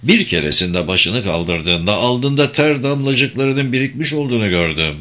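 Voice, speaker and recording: A man's voice: medium pitch, animated, normal speed, a bit bright. A man narrating an audiobook in a dramatic, storytelling manner.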